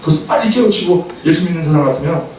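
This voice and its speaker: A middle-aged man preaching a sermon as a seminary professor, telling anecdotes and acting out quarrels with sudden shouted lines. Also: fairly high pitch, fast. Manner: animated storytelling, acts out quarrels with sudden shouts. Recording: echoey hall, far from the mic, faint noise.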